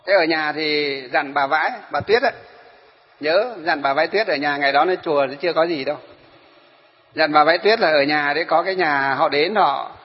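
A man, a Buddhist monk telling an animated story in a sermon and speaking straight to his listeners. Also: on the high side. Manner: animated, addresses listeners directly. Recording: dull sound with long hall reverb.

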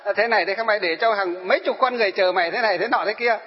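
A man voicing a drunk, furious young man who shouts accusations in a story he tells. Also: sits high, rapid-fire, in a large hall, muffled recording, lightly acted.

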